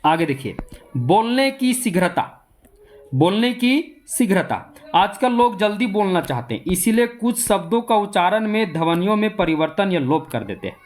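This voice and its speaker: Male coaching-class teacher with a Jharkhand accent and a slightly raised pitch. Explanatory, repetitive delivery. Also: sing-song, moderate pace, a little hiss or hum. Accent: Jharkhand Hindi. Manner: repetitive, asks rhetorical questions, then answers them. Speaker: Hindi exam coaching teacher.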